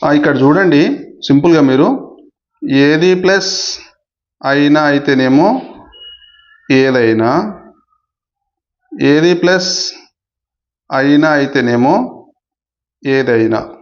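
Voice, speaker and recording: A man's voice: fairly high pitch, takes it slowly, long pauses, muffled recording. A man teaching an exam-prep grammar lesson, repeating key points and checking in with listeners often. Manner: repetitive, asks "okay?" often.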